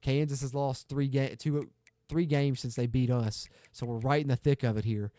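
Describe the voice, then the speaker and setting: This is a man streaming a football video game with a warm, mellow tone. He chats upbeat to his viewers as he plays. His voice is close and dry on the microphone. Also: mid-range voice, steady tone, normal speed, no room sound. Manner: chatty, upbeat, talks to viewers while playing. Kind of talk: casual gaming livestream commentary.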